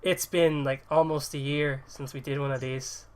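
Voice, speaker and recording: In a medium-pitched, steady voice at a moderate pace, a man in his early twenties hosts a laid-back podcast chat. He has a cold and is sniffly, and he rambles, laughs, and swears freely.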